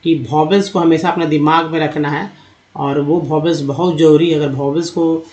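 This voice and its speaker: Man slowly sounding out words. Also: a little high, steady tone, darkish tone. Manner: slow, repeats words syllable by syllable; addresses viewers as friends. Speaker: English teacher. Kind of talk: spoken phonics lesson.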